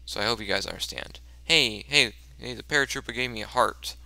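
Bright gravelly-voiced man narrating a game. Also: mid-range voice, brisk, no room sound. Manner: chatty and self-mocking, often stammering and restarting; excited yelps during tense moments. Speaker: let's play commentator. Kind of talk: casual gameplay commentary.

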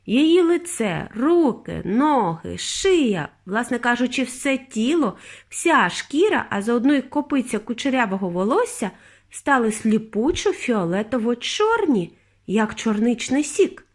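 A woman's voice: on the high side, a little slow. A woman narrating a bedtime audiobook for children, reading expressively. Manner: expressive storytelling. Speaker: narrator, mother reading to her daughter.

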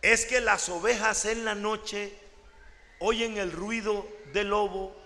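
A man's voice: high voice, steady tone, slow pace, vocal fry, pushed and bright, exaggerated voice. A male preacher voicing a patient shepherd in a told story, patiently explaining. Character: calm shepherd guarding his sheep, story. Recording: echoey church hall.

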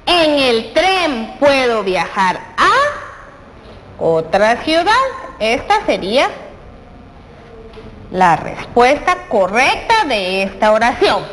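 A woman with a Guatemalan Spanish accent, teaching a preschool TV lesson and coaxing a child with slow, questioning prompts. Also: sits high, long reverb tail, slight background noise, low-quality recording. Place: television studio.

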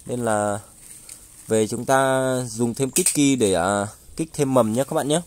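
Man, mid-pitched voice, online plant seller, casual sales pitch, halting delivery, phone recording outdoors. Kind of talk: casual sales pitch listing wares and prices. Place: outdoors, beside goods laid on a tarp. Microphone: handheld phone filming the goods.

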